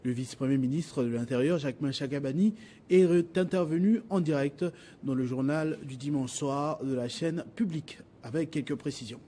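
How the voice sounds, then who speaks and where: A male news anchor with a Congolese French accent, reading the lunchtime news in a measured, formal way. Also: on the high side, warm tone, slight background noise. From Democratic Republic of the Congo.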